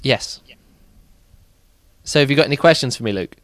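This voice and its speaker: A man's voice: mid-range voice, expressive, normal speed, a bit bright, no room sound. Outspoken man hosting a podcast. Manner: outspoken, rambling with fillers. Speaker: podcast host. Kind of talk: casual podcast monologue and interview.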